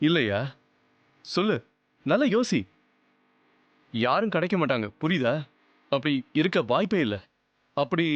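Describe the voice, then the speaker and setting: A teasing devoted husband. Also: male voice, on the high side, no room sound, dull audio. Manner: playful, teasing, affectionate. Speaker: husband in a dubbed serial. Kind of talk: dubbed TV drama acting. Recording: light music behind voice. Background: soft background music.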